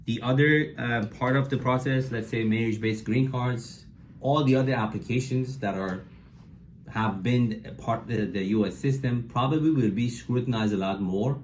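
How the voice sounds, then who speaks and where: A man working as an immigration attorney, explaining in a measured, practical way and hedging his predictions, with frequent fillers. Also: mid-range voice, slight background noise. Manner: hedges his predictions as opinion. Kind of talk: explanatory talk to camera.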